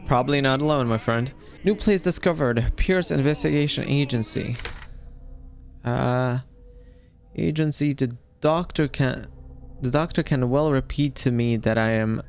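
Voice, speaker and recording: A gameplay streamer with a mid-range voice talks at a moderate pace, casually commenting on a horror game as he plays. He reacts aloud and reads on-screen text in a let's-play style while game music runs underneath.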